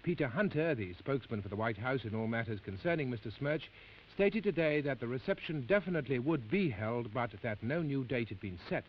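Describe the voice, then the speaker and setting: A formal male newsreader, played by an actor, with a mid-pitched voice and crisp, measured phrasing. The sound is dull and old, with a faint hiss, like an early broadcast. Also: lively intonation, lightly acted. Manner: crisp, measured news delivery. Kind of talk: 1950s television drama.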